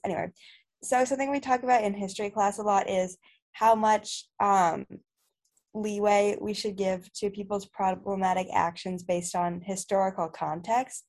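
A woman's voice: mid-range voice, a little mellow. A woman co-hosting a podcast, rambling with lots of "like" and "um" and teasing her friends. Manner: rambling, filler-heavy, joking. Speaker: podcast co-host. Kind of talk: casual podcast chat.

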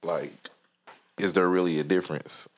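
Deep-voiced man, slangy and teasing. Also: fairly even intonation, moderate pace. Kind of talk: casual chat with friends.

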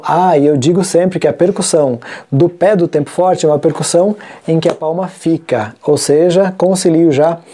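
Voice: mid-range voice, mellow. A music teacher with a Brazilian Portuguese accent, explaining a classroom method step by step and often rephrasing terms mid-sentence.

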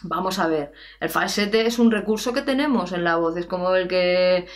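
Lively singing teacher woman. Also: lowish voice, normal speed. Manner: lively, chatty, animated with playful examples and laughs. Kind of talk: answering viewer questions.

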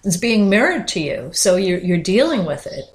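A woman's voice: medium pitch, very animated, moderate pace. A woman co-hosting a podcast in casual chat, explaining ideas conversationally in long run-on sentences. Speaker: podcast co-host.

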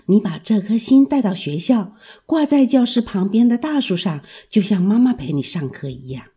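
A woman voicing a gentle, loving mother who soothes her child in a storybook. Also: mid-range voice, expressive, moderate pace, slightly rough. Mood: tender. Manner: soft, soothing.

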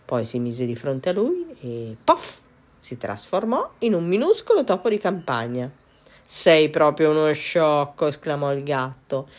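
Low-voiced woman reading a fairy tale. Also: husky. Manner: expressive, measured reading. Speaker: storyteller. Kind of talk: storybook narration.

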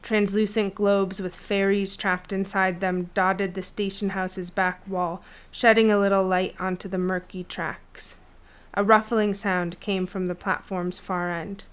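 A woman narrating a fantasy novel chapter in a steady storytelling read. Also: mid-range voice, a little slow, clear, resonant tone. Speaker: audiobook narrator. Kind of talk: scripted fiction narration.

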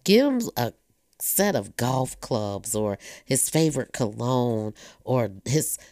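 A woman in her fifties with a very deep, gravelly voice speaks in a candid, personal monologue. She is talkative and earnest, and the recording is dry and close. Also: very animated, takes it slowly, warm tone, dry recording. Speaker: blogger sharing personal reflections.

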